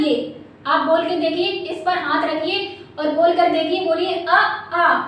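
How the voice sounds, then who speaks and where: A woman's voice: very high-pitched, bright, forceful tone, far from the mic. A woman teaching Hindi grammar for exam preparation, asking questions and answering them herself to drill her students. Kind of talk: exam-prep lesson. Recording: very echoey room, voice from off-mic, faint hum.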